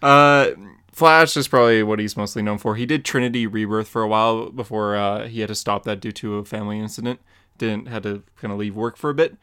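A young man who co-hosts a podcast and works as a comic artist chats casually, relaxed and often laughing and joking. His voice is on the low side and clean, a little fast.

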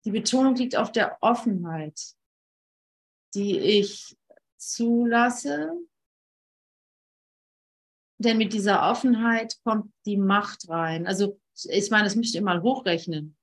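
A woman leading an informal spiritual teaching session, talking earnestly and emphatically, often repeating phrases and pausing. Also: mid-range voice.

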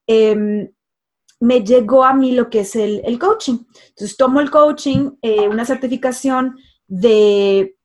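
A woman, a life coach, telling her life story in a casual way, with emphatic repetitions and many fillers. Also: on the high side.

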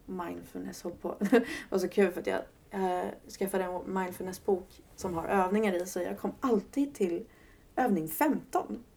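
A woman's voice: lowish voice, fairly even intonation, gravelly, hardly any pauses, dark tone, husky. A woman in her twenties, a podcast guest, speaking candidly and searchingly and often laughing at herself. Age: 20s. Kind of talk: casual podcast conversation.

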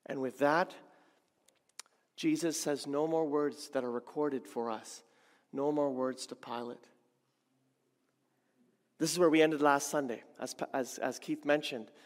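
A man's voice: on the high side, fairly even intonation, measured pace, pauses often. A man, a church elder, preaching a sermon emphatically, repeating phrases and asking the congregation questions. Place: church sanctuary. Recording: long reverb of a church hall.

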